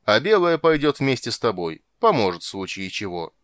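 A man's voice: medium pitch, big pitch swings, brisk, fairly bright tone, no room sound. A man voicing a grumpy, capricious male sea king who grumbles and blusters in a storybook reading. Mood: stern.

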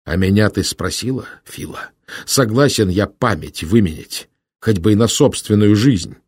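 A man's voice: fairly low pitch, expressive, moderate pace, darkish tone, husky, no room sound, studio quality. A man voicing a grim young prince bent on vengeance, speaking sternly in an audiobook. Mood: bitter. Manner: stern, heavy-hearted speech. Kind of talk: audiobook character voice.

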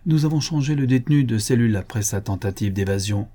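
A man's voice: medium pitch, fast talker, dark tone, close to an everyday voice. A man reading the lines of a curt male prison director in an audiobook, answering briefly.

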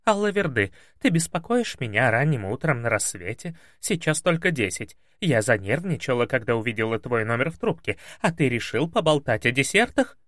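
A man's voice: mid-range voice, very animated, moderate pace, hardly any pauses, a bit bright, no echo, studio quality. A man voicing an imperious older woman who talks in a grand, exasperated way. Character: imperious, weary older woman, the narrator's childhood patroness.

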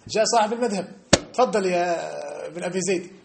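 A man teaching a lesson in a mosque, animated and argumentative, challenging his listeners directly. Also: high-pitched, quick pace, gravelly, noisy background. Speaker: religious teacher.

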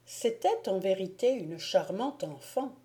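A woman narrating a classic novel as an audiobook reader, in a measured storytelling manner. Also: medium pitch, animated, mellow.

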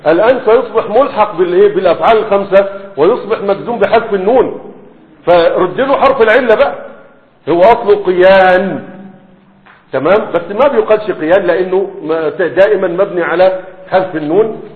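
A man's voice: high-pitched, brisk. A man with an Egyptian accent teaching a grammar lesson, explaining step by step and often checking that students follow. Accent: Egyptian Arabic. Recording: tinny, echoey hall.

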